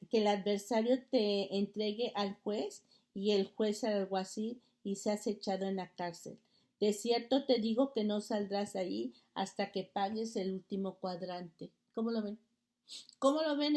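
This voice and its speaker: A woman's voice: mid-range voice, darkish tone. A woman preaching a sermon, reading scripture aloud to her listeners, with stumbles and restarts as she addresses them as brothers and sisters.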